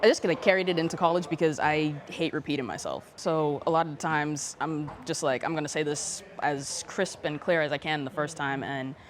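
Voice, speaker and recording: A young woman from the Bahamas with a light Bahamian accent, a guest telling stories in a casual interview. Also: deep voice. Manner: quick, animated storytelling. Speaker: guest athlete.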